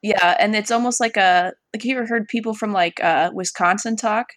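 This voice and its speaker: Woman, mid-pitched, blunt and profane, casual friend chat, dry close mic. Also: fairly quick, a bit bright, dry recording. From Washington State. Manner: blunt, swears freely, laughs often. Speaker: friend chatting.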